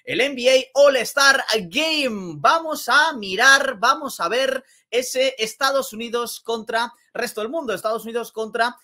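Excitable Spanish man with a bright voice. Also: very high voice, unhurried, hardly any pauses. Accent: Spain Spanish. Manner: energetic, exclamatory, repeats phrases. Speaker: basketball vlogger. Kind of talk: casual basketball commentary.

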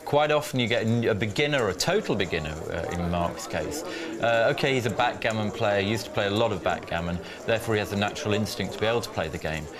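A man's voice: lowish voice, fast talker, hardly any pauses. A man giving chatty poker punditry, hedging with fillers. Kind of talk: sports punditry. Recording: crowd noise in the venue.

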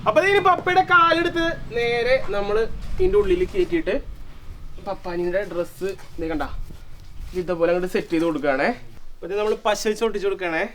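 An animated young man with a voice that sits high and a fairly bright tone talks fast against slight background noise. The vlogger playfully chats to his viewers in casual DIY narration, making and wearing costume puppets out on the street and in a park.

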